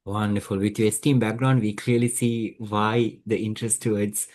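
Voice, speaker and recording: A man's voice: on the low side, level tone, normal speed, a little mellow. A man hosting an online group session over a video call, welcoming people with many fillers and restarts. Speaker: webinar host.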